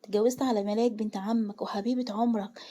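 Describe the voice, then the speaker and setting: A woman voicing a furious older man, the head of the family, who scolds loudly and demands answers in an Egyptian accent. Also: mid-range voice, steady tone, fast, close to an everyday voice. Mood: outraged. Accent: Egyptian Arabic.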